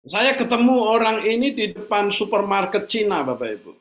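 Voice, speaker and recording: High-voiced chatty pastor. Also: male voice, sing-song, normal speed, reverberant. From Indonesia. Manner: chatty storytelling, addresses congregation often. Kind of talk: sermon.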